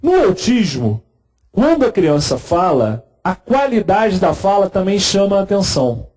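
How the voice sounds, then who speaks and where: Man explaining in a mellow voice. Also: high-pitched, big pitch swings, a little slow. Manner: explanatory, conversational, with examples. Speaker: medical lecturer. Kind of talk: recorded medical lecture.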